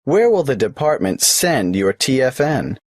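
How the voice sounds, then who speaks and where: A man's voice: medium pitch, very animated, measured pace, no room sound, clean studio sound. An actor playing a polite, businesslike male tax office clerk who asks questions in a scripted exam dialogue.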